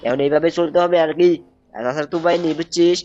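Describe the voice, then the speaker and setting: A young man giving excited gameplay commentary, repeating himself and calling out to viewers. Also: a little high, fast talker, lo-fi sound, a little hiss or hum. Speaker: gaming YouTuber.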